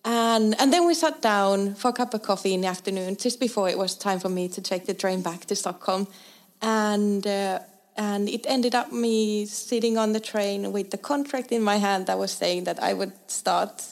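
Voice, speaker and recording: A woman's voice: medium pitch, moderate pace. Young woman chatting in an interview, lots of ums and restarts, laughs easily. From Finland. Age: young adult. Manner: laughing, hesitant with many fillers and restarts. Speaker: guest designer. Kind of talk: casual interview storytelling.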